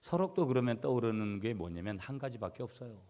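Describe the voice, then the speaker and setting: A middle-aged man preaching a sermon as pastor, swinging between loud emphatic passages and quiet asides to the congregation. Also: medium pitch, very animated, a little fast. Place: church sanctuary. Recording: church hall reverb.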